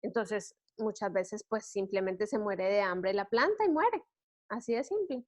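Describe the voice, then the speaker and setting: A woman's voice: mid-range voice, lively intonation, a little slow. A woman giving a soil science lecture, explaining step by step and quizzing her students with rhetorical questions. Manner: frequent "¿sí?" checks and restarts.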